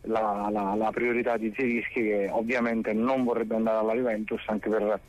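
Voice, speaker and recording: A man's voice: fairly low pitch, little pitch movement, moderate pace. A man reporting sports news over a phone line with spotty reception, hesitant and repeating words as he reasons. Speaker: sports correspondent.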